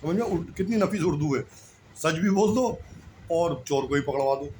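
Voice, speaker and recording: A man's voice: fairly high pitch, expressive, moderate pace, darkish tone, a little hiss or hum, rough recording. A man in casual explanatory talk, telling homespun anecdotes and often checking that the listener has understood. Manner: repetitive, homespun storytelling. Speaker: channel host explaining language.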